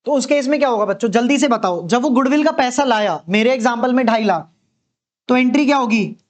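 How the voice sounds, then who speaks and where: A man's voice: extremely high pitch, lively intonation, brisk. A man teaching accountancy in a lecture, posing questions and answering them the way his students would, and checking in with a frequent "okay". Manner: repeats a reassuring "okay" to check understanding. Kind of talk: classroom lecture.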